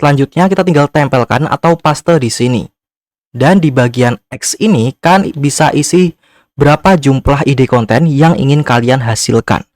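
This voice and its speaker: A man's voice: mid-range voice, moderate pace, a little mellow, no echo, clean studio sound. A man narrating a casual step-by-step screen tutorial, speaking informally and directly to viewers. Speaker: tutorial host.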